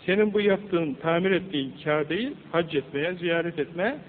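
A man gives an emphatic sermon at a mosque pulpit, reciting Arabic verses and posing rhetorical questions at normal speed. His expressive voice sits on the high side and trails long reverb, preserved on old lo-fi tape with a phone-like band and a faint hum.

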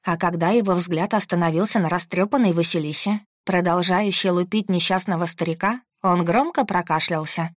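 A woman reading a first-person story aloud in an even, steady manner. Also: fairly low pitch, normal speed, hardly any pauses, dry recording, clean studio sound. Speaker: audiobook narrator. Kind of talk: scripted first-person narration.

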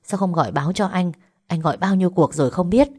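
A woman's voice: lowish voice, quick pace, darkish tone, husky. A woman voicing a worried young man who talks in an anxious, reproachful way on the phone.

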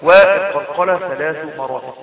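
A man with an Egyptian accent teaching the rules of Quran recitation, repeating and slowly demonstrating words, with drawn-out fillers. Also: fairly high pitch, reverberant, recorded from a distance, lo-fi sound. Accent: Egyptian Arabic. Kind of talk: tajweed lesson.

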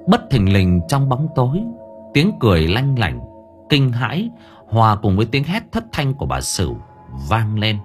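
A man's voice: medium pitch, moderate pace, faint music behind. A man narrating a horror story in a dramatic, suspenseful audiobook style. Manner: expressive, suspenseful.

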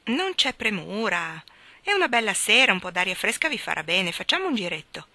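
A woman's voice: medium pitch, very animated, fairly quick, bright, forceful tone, no room sound, full character voice. A woman reading aloud and voicing a pushy, flirtatious middle-aged man with a sly, teasing manner.

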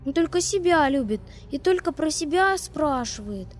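A woman's voice: high-pitched, animated, moderate pace, faint music behind, pitched above the performer's own voice. A woman voicing a small serious boy who speaks bluntly and sullenly, in an audiobook reading. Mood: stern.

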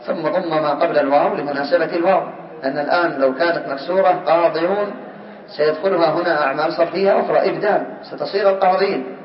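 A man teaching a grammar class, questioning students by name and drilling word forms slowly. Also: fairly high pitch. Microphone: far from the mic. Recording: distant, roomy, dull lo-fi recording.

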